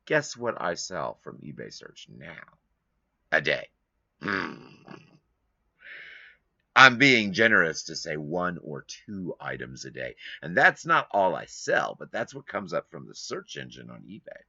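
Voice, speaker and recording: A low-pitched man with a bright, very forceful tone rambles his way through a casual live stream from his home studio. He grumbles at length while his pitch rises and falls a lot. The recording is dry and a little dull. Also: sing-song, a little slow, gravelly, no echo.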